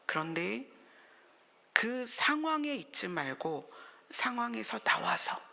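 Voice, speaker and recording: Gravelly bright-voiced woman pastor preaching. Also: fairly high pitch, big pitch swings, slow, long reverb tail. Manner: conversational preaching with rhetorical questions, dropping to whispers. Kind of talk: sermon. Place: church sanctuary.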